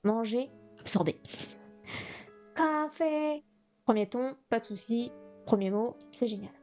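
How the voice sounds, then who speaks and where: A woman's voice: on the high side, takes it slowly, darkish tone, highs cut off, faint music behind. A woman streaming live as she revises vocabulary, thinking aloud and often correcting herself. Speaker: streamer studying Chinese vocabulary. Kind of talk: live-stream study session.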